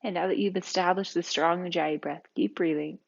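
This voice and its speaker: Woman yoga instructor, calm and soft-spoken, low voice with vocal fry, dull lo-fi recording. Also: a little fast. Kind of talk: guided yoga and breathing class.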